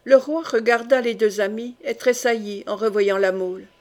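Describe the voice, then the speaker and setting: A woman reading a historical novel aloud as an audiobook, in even, measured storytelling narration. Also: a little high. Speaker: audiobook reader.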